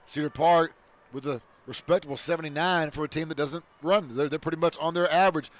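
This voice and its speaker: Guy doing play-by-play, pretty high voice, yells on touchdowns. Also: fairly quick. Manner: excitable, shouts on big plays. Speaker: play-by-play announcer. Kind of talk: high school football commentary.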